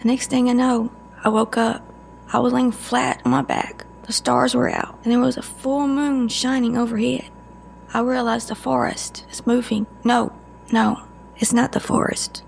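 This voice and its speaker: A woman voices a grieving female agent in an audio drama, speaking fairly high with strong creak and a flat delivery. Hushed and haunted, she shares things haltingly and warily, breaking off mid-sentence. The recording is rough, with faint noise in the background.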